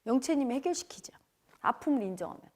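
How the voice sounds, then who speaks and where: Woman spiritual teacher, high and very expressive, dramatic storyteller who swings from loud to hushed. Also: fast talker. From Cheongju area, South Korea. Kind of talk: emotional spiritual lecture.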